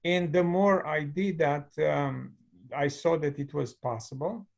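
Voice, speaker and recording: A gravelly voice on the high side, a little slow, comes from a middle-aged Romanian mechanical engineer with a Romanian accent. Interviewed conversationally over a video call, he shares his story in a thoughtful way, laughing lightly now and then.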